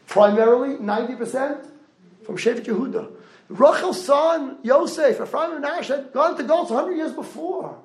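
A man delivers a Torah lecture in a high voice with a gravelly edge. He keeps throwing rhetorical questions at his listeners. The sound is roomy and echoey. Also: moderate pace. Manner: animated, rhetorical questions to the audience. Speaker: rabbi lecturer.

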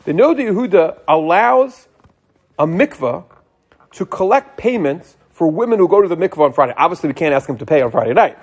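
A middle-aged man giving an informal religious law class as a rabbi, conversational and animated, often asking and answering his own questions. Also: fairly high pitch, brisk, husky.

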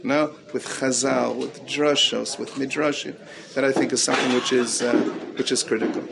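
Gravelly rabbi, earnest and repetitive. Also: male voice, medium pitch, fairly even intonation, moderate pace, very noisy. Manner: earnest, repeats key phrases for emphasis, mixes Hebrew terms into English. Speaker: rabbi teaching students. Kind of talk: Torah talk answering questions.

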